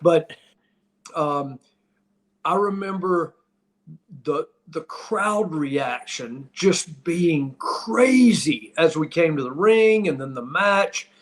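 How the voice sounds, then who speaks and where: A middle-aged man, a former pro wrestler, reminiscing casually as a guest in loose, halting phrases with repeated words. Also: a little high, expressive.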